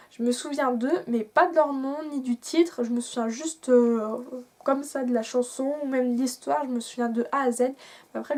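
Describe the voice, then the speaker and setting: Chatty high-voiced young woman vlogging. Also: a little mellow. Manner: rambling, frequent fillers and restarts. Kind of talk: casual chat to camera.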